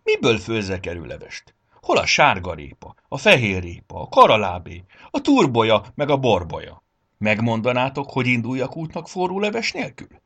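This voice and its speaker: A man voicing a bossy, grumpy old Santa Claus in a storybook reading, with a gravelly voice. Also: fairly low pitch, huge pitch swings, fairly bright tone, full character voice. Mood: grumbling.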